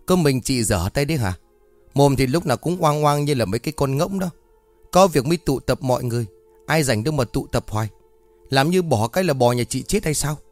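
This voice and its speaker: A man's voice: mid-range voice, lively intonation, a little fast, faint music behind, natural voice. A man voicing a cocky young village man who lectures and makes announcements in a ghost story. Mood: mocking. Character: brash young village man, errand runner.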